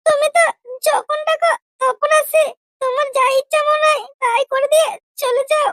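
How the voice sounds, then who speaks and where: A voice actor playing a prim, touchy young girlfriend in a comedy cartoon, with a very high, squeaky voice and an indignant way of talking. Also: steady tone, a bit bright, no room sound, clean studio sound. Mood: firm. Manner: indignant, quick to take offense.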